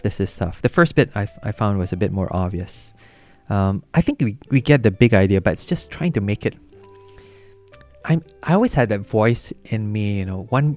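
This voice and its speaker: A man with a fairly low voice works through a scripture passage as if thinking aloud. His delivery is musing and halting, with frequent restarts and quiet laughs. Soft music plays faintly behind him. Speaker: Bible study leader.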